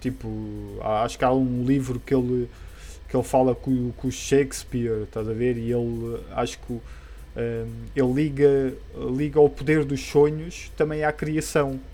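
Warm and level, this medium-pitched male voice keeps a moderate pace. Music plays behind him as he chats casually about comic books in a European Portuguese accent, rambling, hesitant and colloquial.

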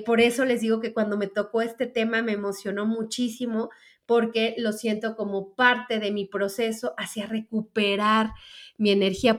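Chatty Mexican woman telling a story. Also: fairly high pitch. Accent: Mexican Spanish. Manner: chatty, with frequent fillers and restarts. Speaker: speaker on feminine energy. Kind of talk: casual storytelling monologue to an audience.

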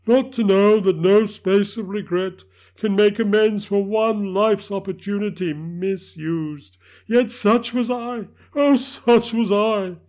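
A man's voice: high-pitched, slow, a little mellow, voice pushed up. A man voicing the anguished ghost of a dead miser, wailing and declamatory.

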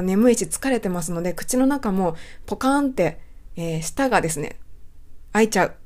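A woman's voice: mid-range voice, darkish tone. A woman teaching English pronunciation, explaining politely step by step and whispering example words to model them. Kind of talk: explanatory lesson talk.

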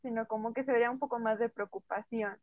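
A woman's voice: a little high, fairly even intonation, fast, dry recording. A woman chatting casually, acting out quoted remarks as she talks. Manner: talkative, acts out quoted remarks. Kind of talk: casual chat. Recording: tinny phone line, dry.

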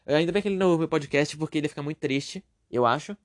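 A young man with a Brazilian Portuguese accent hosts his own podcast as a loose, rambling monologue. His voice sits a little higher than most men's. He talks about himself with self-deprecating humor and wanders off into side jokes. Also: racing. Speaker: podcast host. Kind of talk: casual solo podcast monologue.

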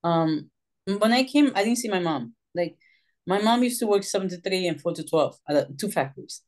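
In an interview, a middle-aged woman from Puerto Rico who works as a social worker and writes books tells her story with energy, acting out quoted voices. She has a lowish voice and a moderate pace.

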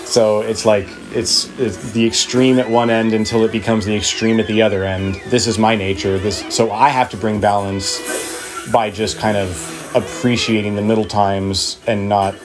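A man's voice: on the low side, flat delivery, normal speed, music in the background. A man talking informally and slangily in a casual philosophical conversation.

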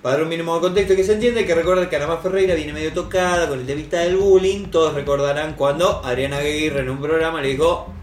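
A man's voice: fairly high pitch, steady tone, fast, hardly any pauses, slight background noise. A man with a Rioplatense accent co-hosting a casual comedic chat, full of swearing and mock-outraged banter. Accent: Rioplatense Spanish. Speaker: co-host. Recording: roomy, faint music behind.

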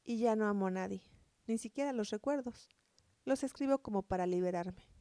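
Warm-voiced woman reading a story. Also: mid-range voice, fairly quick. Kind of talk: scripted narration of a story.

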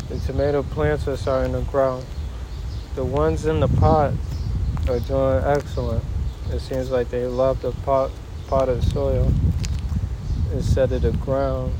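A man gives a casual podcast update at a slow, unhurried pace, rambling and folksy, with pauses mid-thought. He is outdoors in a backyard, with clearly noisy ambience behind him. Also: mid-range voice. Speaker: podcast host.

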